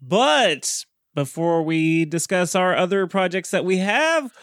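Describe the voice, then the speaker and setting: A man's voice: high-pitched, big pitch swings, takes it slowly, fairly bright tone, smooth, no echo, studio quality. A young man co-hosting a podcast, upbeat and steering the casual conversation. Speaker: podcast co-host.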